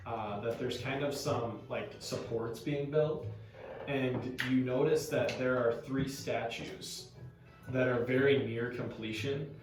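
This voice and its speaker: A man narrating a tabletop game as game master, in loose, filler-heavy speech. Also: medium pitch. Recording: echoey room, far from mic, music behind.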